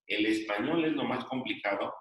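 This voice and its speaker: A man's voice: medium pitch, highs cut off. Man teaching in an echoey classroom. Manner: dictating slowly, repeats phrases. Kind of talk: classroom lesson. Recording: echoey room, voice from a distance.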